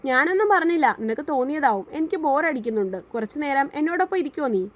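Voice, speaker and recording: A woman's voice: high voice, lively intonation, fast. A woman voicing a brusque, teasing young husband in an audio story, speaking in short commands. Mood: commanding.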